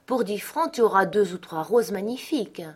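A woman's voice: medium pitch, lively intonation, moderate pace, slightly rough. A woman voicing a meek, fumbling husband who works as a clerk, stammering and hesitant.

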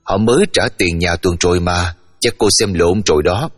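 A tall, good-natured middle-aged landlord with an easygoing manner, as a male reader puts him on. The voice is low and husky, carried by a long reverb with faint music underneath. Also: moderate pace. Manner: easygoing and cheerful.

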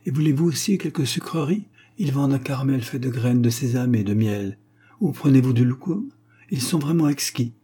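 A man's voice: mid-range voice, lively intonation, brisk, dark tone, husky, voice pushed up. A man voicing a cruel, mocking hunchback who drawls with false friendliness, in a read-aloud story. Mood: affable.

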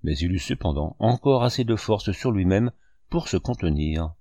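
A man narrating a novel aloud in a measured, expressive reading style. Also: low voice, no room sound. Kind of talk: audiobook narration.

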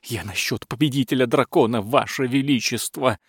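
A man's voice: medium pitch, moderate pace, slightly rough, dry recording, studio quality. A man voicing a scheming, fawning male court butler who whines and pleads. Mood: pleading. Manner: pleading, wheedling.

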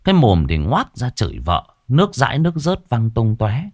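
A man narrating a ghost story in a lively, dramatic way. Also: medium pitch, moderate pace, dry recording, studio quality.

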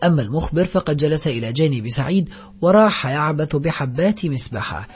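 A man narrating an audiobook with solemn, measured literary reading, in a dull lo-fi recording with faint music. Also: a little high, lively intonation, breathy edge.

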